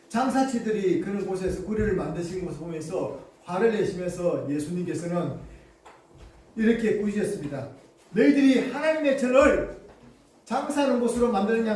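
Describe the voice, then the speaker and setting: A man preaching from the pulpit in a high, mellow voice. He keeps asking the congregation questions and puts on sharp voices for the scolding parts. The sound is very echoey and picked up from a distance in a church hall. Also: a little hiss or hum. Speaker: pastor. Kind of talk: sermon. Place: church sanctuary.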